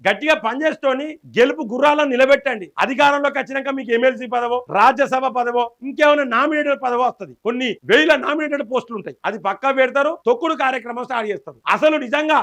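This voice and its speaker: A man's voice: very high-pitched, fairly bright tone. A man with a Telangana Telugu accent hosting a political news channel, delivering an impassioned commentary monologue full of repeated rhetorical questions.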